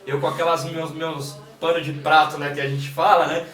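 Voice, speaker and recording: A man with a São Paulo accent, a guest in a casual interview, telling stories in a relaxed way with many "né" fillers. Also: a little high, moderate pace. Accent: São Paulo Portuguese. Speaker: guest, creative director and videomaker. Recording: echoey room, distant mic, faint noise.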